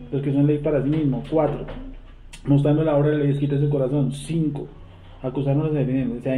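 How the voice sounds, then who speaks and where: A man leads a Bible class with a fairly high voice, often asking a question and answering it himself. He sounds far from the mic in an echoey room. The sound is tinny, like a phone line. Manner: asks the class rhetorical questions and answers them. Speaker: Bible teacher.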